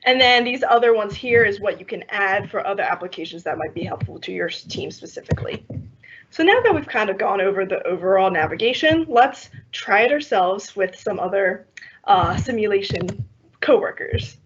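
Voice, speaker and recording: Young woman walking through a software demo. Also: mid-range voice, normal speed. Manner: steady step-by-step explaining with soft laughs. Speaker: workshop trainer. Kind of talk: screen-share software demo. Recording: slightly muffled online call audio with faint noise.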